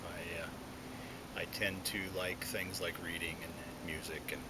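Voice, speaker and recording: This man, a pipe-smoking vlogger, is perched in a hollow tree outside, musing casually to his audience in a level tone. The words come haltingly around his pipe, and a low rumble runs through the noisy outdoor audio.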